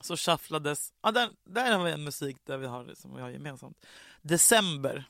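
A young man co-hosting a casual comedy podcast who talks candidly and swears, often in a soft, subdued tone. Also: a little high, expressive, creaky, no echo, faint music behind. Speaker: podcast co-host.

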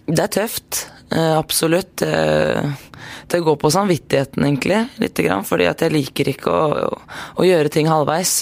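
A woman's voice: low-pitched, gravelly, no room sound. A young woman with an Eastern Norwegian accent, talking as an interview guest in a casual, hesitant way with many fillers and restarts. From Norway, grew up on Stord. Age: young adult. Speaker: guest, handball player.

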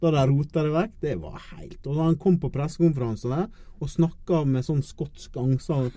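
A man, an editor in a studio talk show, recalling old football seasons in relaxed chat with stammered restarts. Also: a little high, dry recording.

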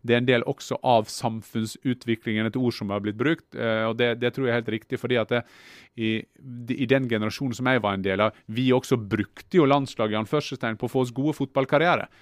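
A middle-aged former footballer from Norway in casual podcast chat, reflective and halting, with frequent restarts. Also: male voice, medium pitch, steady tone, dry recording, studio quality. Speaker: former national team footballer, podcast guest.

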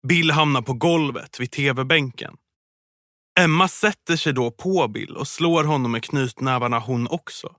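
A man reading a scripted true-crime story in a calm, measured way as a podcast narrator. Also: mid-range voice, no echo, studio quality. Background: music.

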